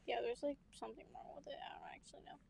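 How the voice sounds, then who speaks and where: In a whisper, a young podcast co-host shares family stories in a chatty, casual way, laughing a lot and performing other people's lines. Her high, gravelly voice is a little mellow and steady in tone, and she speaks rapid-fire.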